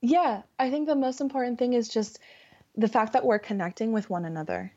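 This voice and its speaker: A woman with a Californian accent and a somewhat high, darkish-toned voice talks a little fast in casual conversation, appearing as a podcast guest and English conversation partner. Her delivery is giggly and hesitant. The internet voice call audio is dull and lo-fi.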